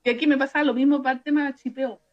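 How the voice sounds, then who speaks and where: A woman's voice: high-pitched, fairly even intonation, very fast, lo-fi sound. A Chilean woman co-hosting a podcast, chatting casually about an anime and often restarting her sentences. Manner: chatty, hesitant, trailing restarts. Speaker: podcast co-host. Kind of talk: casual anime review chat.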